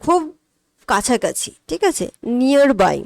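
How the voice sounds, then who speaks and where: A fairly high-voiced woman talks through exam questions as a tutor. She asks questions and answers them herself, slowing right down whenever she reads out the English sentences. The recording is dry and close, with no room sound. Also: sing-song, gravelly, no echo. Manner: explains step by step, asks and answers her own questions, reads English items slowly. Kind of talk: spoken exam-prep lesson.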